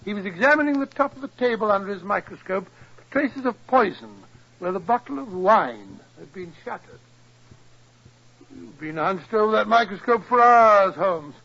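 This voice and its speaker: An actor playing an earnest, excitable British gentleman doctor and loyal sidekick in 1940s radio style. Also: high-pitched, moderate pace, full character voice. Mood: earnest recounting. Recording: muffled 1940s radio recording.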